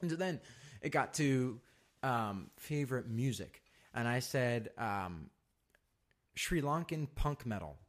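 A man's voice: medium pitch, expressive, slow pace. A young adult man co-hosting a podcast, telling a long story in a loose, profane way full of fillers. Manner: laid-back, profane, rambling with fillers. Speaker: podcast co-host. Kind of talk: casual storytelling chat.

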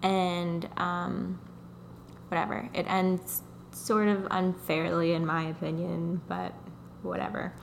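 A young woman co-hosting a podcast, telling a dating story in a casual, animated way, often laughing and mocking herself. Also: on the low side, slow, vocal fry, few pauses, a little hiss or hum. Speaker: podcast co-host.

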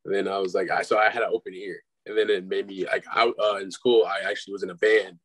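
Speaking fast in a low, level, fairly bright voice, this twentysomething dubstep producer from Milwaukee, Wisconsin, USA, is a relaxed interview guest. Slang comes easily, "bro" pops up, and loose laughter slips in between his phrases. The recording is rough.

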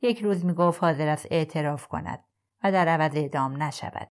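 A woman narrating a novel chapter for an audiobook podcast in a calm, even storytelling manner. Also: deep voice. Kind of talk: scripted narration.

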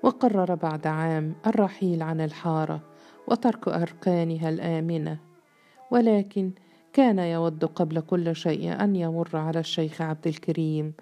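A woman reading a historical novel aloud in steady, measured storytelling narration. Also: sits low. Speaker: audiobook narrator.

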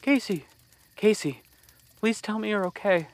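A man voicing a fierce young woman, raising his voice in a strained, shouting way. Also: sits high, unhurried, voice pushed up. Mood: pleading.

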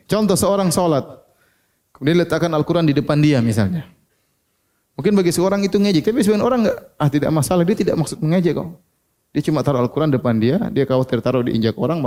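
A man's voice: medium pitch, expressive, fast talker, dark tone. A man giving a religious lecture, who keeps asking his listeners questions and answering them himself. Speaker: Islamic preacher.

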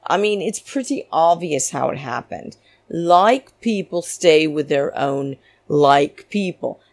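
A woman hosts a solo reality TV recap podcast, camp and theatrical like a diva, full of opinions and gossip. Her deep, darkish voice is animated yet slow, and the recording is dry.

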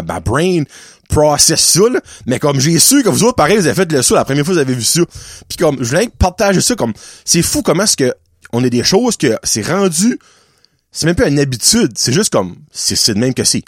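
Lively chatty podcast host. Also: male voice, on the high side, a little fast, slightly rough, dry recording, studio quality. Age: 30s. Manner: chatty, mixes English words into French, playful. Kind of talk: casual solo podcast chat.

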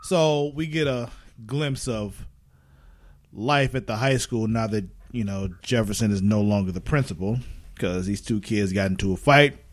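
A man's voice: fairly low pitch, normal speed, no room sound. A man co-hosting a podcast, casually recapping TV episodes in loose, profane storytelling. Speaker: podcast co-host.

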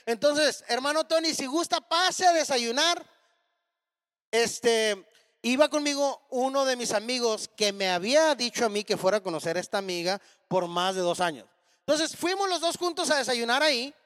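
A man in his thirties, a pastor telling a personal story in a sermon and acting out the dialogue with lively energy. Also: very high-pitched. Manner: animated, acts out dialogue in the story. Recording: hall reverb.

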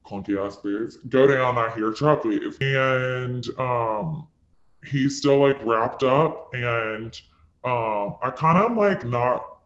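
A young man tells a long personal story in a rambling, casual way, full of "like" fillers and dramatic asides as he retells it. His medium-pitched voice is slow, a bit bright, and reverberant, captured in a dull lo-fi recording.

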